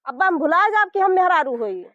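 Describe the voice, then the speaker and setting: A high, piercing woman's performance of a village wife with an Awadhi accent in a rural comedy skit. She is stubborn and defiant, complaining and snapping back, recorded dry with dull sound. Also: big pitch swings, fairly quick, a bit bright, no room sound, exaggerated voice. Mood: angry scolding. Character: stubborn, sharp-tongued village wife who talks back.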